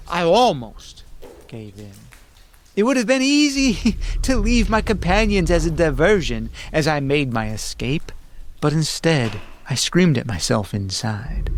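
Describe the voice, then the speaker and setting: Male storyteller for dark fantasy: theatrical, slow, highly varied pitch, dramatic pauses. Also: a little hiss or hum. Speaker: narrator of a fantasy horror story. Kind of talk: dramatic scripted first-person narration.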